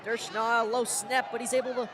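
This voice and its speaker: Male play-by-play for live school football, very high-pitched, heavy crowd noise. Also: little pitch movement, moderate pace. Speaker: play-by-play commentator. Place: outdoor football stadium. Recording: noisy outdoor stadium, loud crowd.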